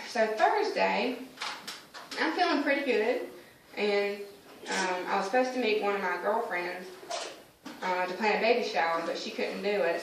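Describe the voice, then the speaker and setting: A woman gives her personal testimony as a church member, telling the story in a conversational way and voicing her exchanges with God. She is recorded from a distant mic, so her voice comes across roomy and very echoey. A faint hiss of noise sits under her speech. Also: medium pitch.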